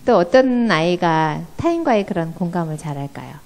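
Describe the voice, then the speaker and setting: A woman's voice: on the low side, big pitch swings, normal speed, darkish tone. Korean woman lecturing a church audience. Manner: asks the audience questions and acts out parent and child voices. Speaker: professor giving a parenting seminar. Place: church hall.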